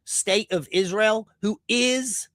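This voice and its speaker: A man's voice: high voice, takes it slowly, fairly bright tone, no room sound, studio quality. A man giving ranting political commentary in a heated, profane and sarcastic manner. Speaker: streamer.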